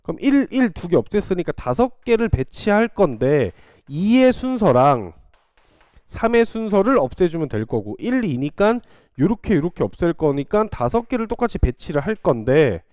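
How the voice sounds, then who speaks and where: Teasing, lively Korean math tutor man. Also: a little high, a little fast, no room sound, clean studio sound. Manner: teasing, chatty, scolds students playfully. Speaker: math academy teacher. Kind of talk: casual classroom lecture. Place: small classroom.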